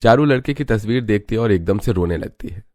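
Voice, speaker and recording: Guy narrating a cartoon story, low voice, steady and explaining. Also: a little fast.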